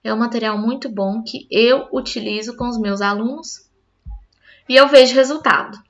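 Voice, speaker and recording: A woman's voice: fairly high pitch, moderate pace, dull audio. A woman teacher explaining a classroom literacy activity to other teachers, often checking in with her listeners. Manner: explanatory, addresses listeners as "gente" with frequent "tá?".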